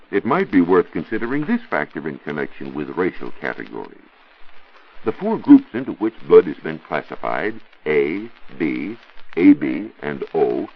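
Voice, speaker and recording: In this muffled 1940s radio recording, an American man with a low, husky voice works as a science reporter. Speaking from a radio studio, he gives a scripted educational talk in a formal, teaching manner.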